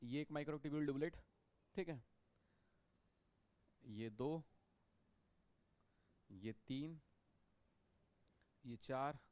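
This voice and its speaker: A man's voice: medium pitch, drawn-out words, pauses often, a little mellow, no echo. A man teaching a biology lecture in a classroom style. He repeats key points and keeps checking that students follow him. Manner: repetitive, checks understanding with frequent "okay".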